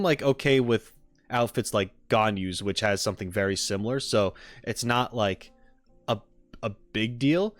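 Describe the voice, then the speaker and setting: Recorded dry, this mid-range male voice belongs to a streamer reacting with live chat. He rambles casually through his views, hedging and sounding unsure as he goes.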